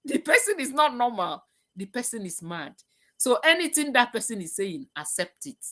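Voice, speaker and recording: A woman's voice: a little high, big pitch swings, normal speed, pushed and bright. A woman hosting a live talk show, reading out viewer comments and stressing points by repeating them. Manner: emphatic, repeats key phrases.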